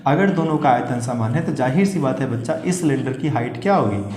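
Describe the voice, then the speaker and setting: A man's voice: medium pitch, fairly quick, a little mellow, echoey room. A male maths teacher taking exam students through volume problems step by step. He often asks a question and then answers it himself, and keeps calling his students "children". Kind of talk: exam-prep maths lesson.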